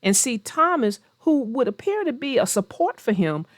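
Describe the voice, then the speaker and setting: This host speaks directly to her young readers in a theatrical read-aloud and chat for small children, her slightly high voice sing-song at normal speed. The studio sound is clean, with no room sound.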